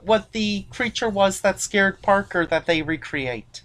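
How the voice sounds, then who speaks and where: A woman hosting a casual episode review chat, recapping the plot in halting sentences with many restarts. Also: medium pitch, lively intonation, fairly bright tone. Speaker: podcast host.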